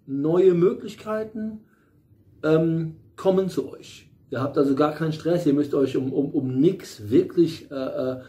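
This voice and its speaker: Rambling man with a dark, mellow voice. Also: fairly high pitch, a little slow. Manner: rambling, many fillers and restarts, blunt asides. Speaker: tarot reader. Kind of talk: casual monthly tarot reading. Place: small room at home, in front of a bright window.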